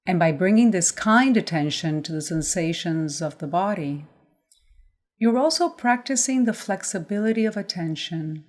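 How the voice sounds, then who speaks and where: Speaking on the low side, a woman acts as a mindfulness guide through a body scan meditation. Her instructions are gentle, delivered in measured phrases with pauses in between.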